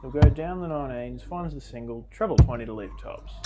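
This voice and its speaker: A man's voice: mid-range voice, a little fast. A man giving conversational live commentary on a darts match. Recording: loud background noise with clicks. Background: noisy darts venue.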